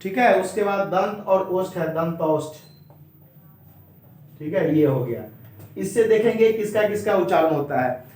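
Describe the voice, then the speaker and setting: A man with a high voice teaches grammar at a board. He goes slowly and repeats each point as he talks straight to his students. The sound rings with heavy echo, as in a bare, hard-walled room. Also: a little mellow. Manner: slow, repetitive drilling, addresses students directly. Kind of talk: board lesson. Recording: very echoey room.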